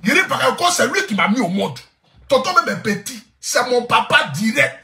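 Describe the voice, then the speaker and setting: A man's voice: very high-pitched, very animated, normal speed, vocal fry, bright, forceful tone, reverberant. A man telling a comic vlog story, boisterous, laughing often and repeating his phrases. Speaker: social media influencer. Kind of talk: casual comic vlog monologue.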